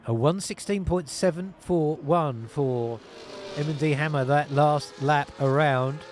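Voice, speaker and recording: A man with a fairly high voice commentates an online racing league over a headset, working steadily through positions, tyre choices and penalties. A faint hum of ambience sits behind him. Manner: steady play-by-play, calling positions and tyre strategy. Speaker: lead commentator.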